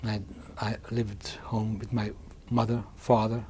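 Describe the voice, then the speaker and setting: A man in his sixties from Hungary, giving oral history testimony in a halting way, often restarting and repeating words. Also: fairly low pitch, flat delivery, dark tone, a little hiss or hum. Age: 60s. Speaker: interviewee.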